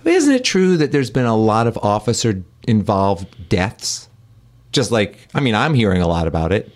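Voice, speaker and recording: A man's voice: lowish voice, big pitch swings, normal speed. A man who hosts a comedy podcast and works as a voice actor, asking questions in a playful, teasing, flirty way.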